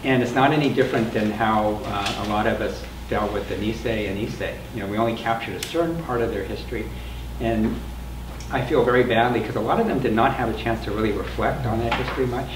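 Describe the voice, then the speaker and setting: Talking fast in a fairly low voice, an older man informally explains things while introducing the oral history panel he moderates and interviews for. The setting is a meeting room with a small audience, and a distant mic leaves the sound roomy with plainly audible background noise.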